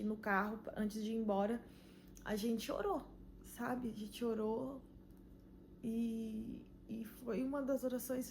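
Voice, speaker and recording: A young Brazilian woman sharing an earnest, emotional faith testimony, full of pauses and "you know?" tags. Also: on the high side, dark tone, slight background noise. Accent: Brazilian Portuguese. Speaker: channel host giving a faith testimony. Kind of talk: personal testimony vlog.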